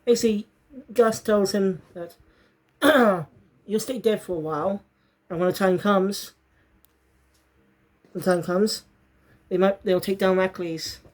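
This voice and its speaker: A woman's voice: mid-range voice, slow pace, pauses often. Casual rambling woman reviewing a show. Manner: rambling, self-correcting, bursts into fits of laughter.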